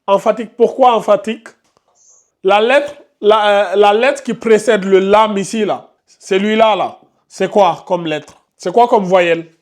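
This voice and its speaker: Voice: mid-range voice, measured pace. Teacher running a recitation class: patient, corrective, calls on each student by name.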